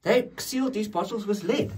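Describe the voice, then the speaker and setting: A man's voice: sits high, moderate pace, darkish tone, slightly rough. A man exploring caves, eagerly pointing out finds to a friend. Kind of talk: casual chat. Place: inside rock caves.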